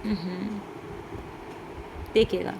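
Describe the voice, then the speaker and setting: A woman's voice: medium pitch, level tone, very slow, gravelly, background noise. A woman teaching an online class, explaining step by step and repeating key points with frequent checks and rhetorical questions.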